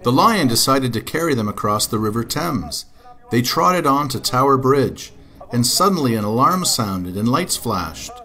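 A father reading a children's picture book aloud with expressive, animated storytelling. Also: medium pitch, normal speed.

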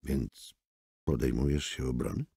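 Brief: guarded young man in custody, very deep dark voice, man reading. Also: steady tone, a little slow, creaky, husky, dry recording, clean studio sound, full character voice. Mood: subdued. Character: young man, wary, weary detainee. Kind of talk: audiobook character voice.

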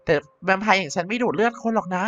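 In her natural voice, pitched a little above her usual register, a woman speaks in a bright-ish mid-range at rapid-fire speed as a vain, mischievous vampire queen in a Minecraft cartoon. She's a narrating YouTuber doing all the voices, and her delivery is theatrical, self-important, and scheming. There's a little hiss or hum, faint music, and a slightly dull quality to the recording.

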